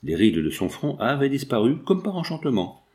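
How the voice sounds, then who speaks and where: A man narrating a nineteenth-century novel as an audiobook, in an even literary storytelling manner. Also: mid-range voice, normal speed. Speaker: audiobook reader.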